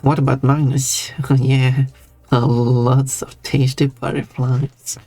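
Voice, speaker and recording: A streamer with a Swedish accent, chatting casually on a live stream in a rambling, halting way with frequent giggles. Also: mid-range voice, flat delivery, dark tone, no room sound, faint music behind.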